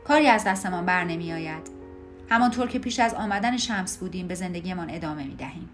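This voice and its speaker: A woman reading the part of a gentle, motherly wife who speaks with quiet worry, in an audiobook with faint music behind. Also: fairly low pitch, animated, natural voice. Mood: worried. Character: worried, gentle middle-aged wife.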